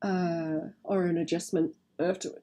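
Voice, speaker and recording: A woman's voice: lowish voice, little pitch movement, measured pace, noisy background. A woman chatting casually on a live stream while she draws, thinking aloud and often stopping to restart her sentences.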